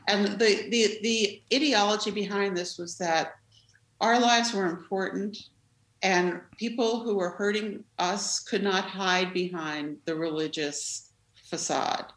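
Woman interviewee, expressive storyteller, recorded in an echoey room. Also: medium pitch, slow pace. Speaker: interviewee, former activist. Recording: roomy echo.

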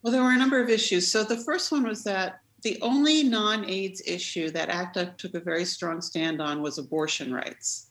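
A woman being interviewed, telling stories in an animated, expressive way. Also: mid-range voice, normal speed, few pauses. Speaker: interviewee, former activist. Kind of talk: storytelling in an interview. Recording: roomy echo.

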